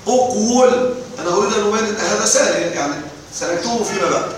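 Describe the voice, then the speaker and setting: A man's voice: sits high, rapid-fire, a bit bright. A man teaching a classroom lesson on grammar verse, explaining step by step and often checking that the class is following. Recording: echoey room, distant mic, faint noise.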